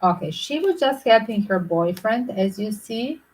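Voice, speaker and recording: A woman tarot reader talking to her viewers in a loose, rambling way, often filling pauses with "like". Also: medium pitch, expressive, a little mellow, breathy edge, poor audio. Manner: rambling, frequent "like" fillers. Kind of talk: casual speculative monologue to viewers.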